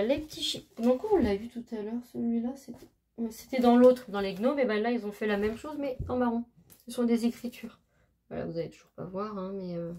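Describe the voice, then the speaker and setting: A woman's voice: medium pitch, warm tone. A woman vlogger chatting casually as she shows off craft paper, gushing and hesitating often. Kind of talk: casual show-and-tell chat.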